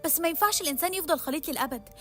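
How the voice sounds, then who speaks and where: A woman with an Egyptian accent voicing a caring mother who calmly explains things to her daughter. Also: extremely high pitch, very fast, faint music behind, pitched below the performer's own voice, exaggerated voice. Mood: soothing. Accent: Egyptian Arabic.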